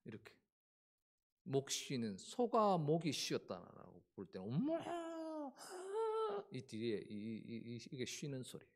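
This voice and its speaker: A male pastor delivering a Sunday sermon, telling the story with acted voices and animated delivery. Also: medium pitch, measured pace.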